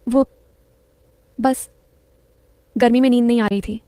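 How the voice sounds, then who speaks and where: A woman voicing a shy, nervous young man who speaks in hesitant, hushed, stammering bits. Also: on the high side, moderate pace, dry recording, close to an everyday voice.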